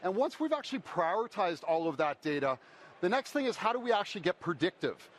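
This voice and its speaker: A man's voice: high-pitched, sing-song, a little fast. A man giving a podium speech as a conference presenter, explaining step by step and posing questions that he then answers. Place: conference stage. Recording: faint background noise.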